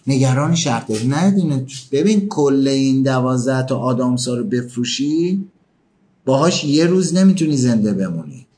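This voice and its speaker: A man's voice: medium pitch, darkish tone, slight background noise. A man giving a motivational talk, pressing the listener with emphatic questions. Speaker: motivational speaker.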